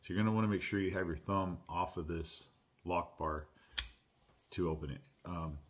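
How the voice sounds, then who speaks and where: A man hosting his own channel, unboxing and reviewing a pocket knife in a relaxed, chatty way with lots of "uh"s and restarts. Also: low voice, moderate pace. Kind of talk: casual unboxing and product review. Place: at home.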